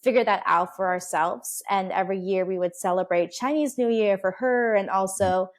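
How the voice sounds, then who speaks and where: Speaking at a normal speed in a mid-range voice, an Oregon woman in her 20s, raised in the United States, answers questions as an interview guest. The chat is casual, and her manner is bubbly, full of laughter and fillers.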